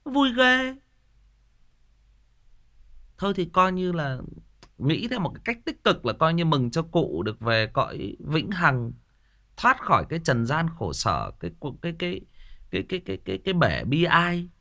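A man's voice: a little high, sing-song, normal speed, sharp tone. A man, hosting a ghost story channel in a casual livestream chat. He talks in a playful, joking way and often repeats words while searching for the next one.

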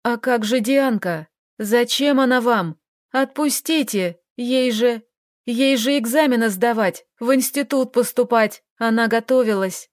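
A woman's voice: on the high side, a little slow, dry recording, clean studio sound, lightly acted. Woman voicing a scared, pleading young man. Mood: anxious desperate. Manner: anxious, pleading. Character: frightened young man, desperate boyfriend.

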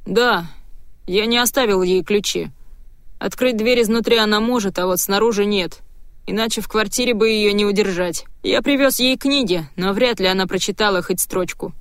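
A woman reading an audiobook, voicing a nervous middle-aged husband who keeps breaking into agitated, shrill outbursts. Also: moderate pace, dry recording, studio quality, lightly acted. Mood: tense.

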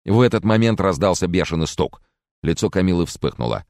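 A man's voice: deep voice, animated, a little fast, darkish tone, no echo, clean studio sound. A man narrating a thriller audiobook in the first person, reading expressively.

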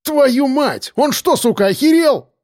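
A brash young tough, as a narrator plays him, swaggering and crude, his voice pushed high and loud. The pitch swings widely from taunts to shouts. The sound is close and dry. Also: very animated, moderate pace, no room sound. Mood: yelling. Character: brash cocky young male driver, crude. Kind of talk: audiobook character voice.

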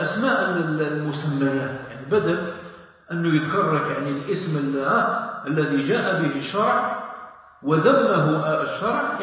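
A man with an Algerian Arabic accent teaching a lesson on Islamic law. He mixes formal Arabic with dialect, repeats key phrases, and prompts his listeners with "ha?". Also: a little high. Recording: very echoey hall, dull lo-fi sound.

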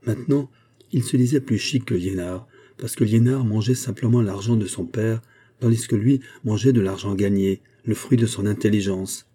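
A man narrating a classic novel as an audiobook, in a measured, expressive reading. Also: on the low side, breathy edge.

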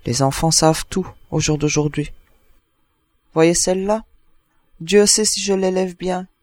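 Guy doing a bossy chatty old neighbor lady, gruff but kind, dry close sound. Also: high voice, measured pace, a little mellow, no room sound. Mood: gossipy.

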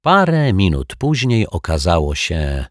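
A man narrating a children's story with a deep, slightly husky voice. He reads slowly, with plenty of rise and fall in his intonation, in a dry, close recording. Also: big pitch swings, no echo. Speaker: audiobook narrator. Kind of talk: scripted narration.

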